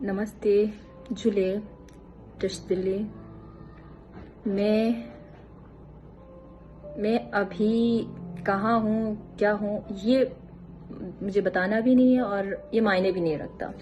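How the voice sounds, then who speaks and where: A woman's voice: medium pitch, fairly even intonation, slow pace, long pauses, darkish tone, faint music behind. A woman from Himachal Pradesh, a vlogger giving an impassioned, scolding monologue and repeating words for emphasis. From Himachal Pradesh, India.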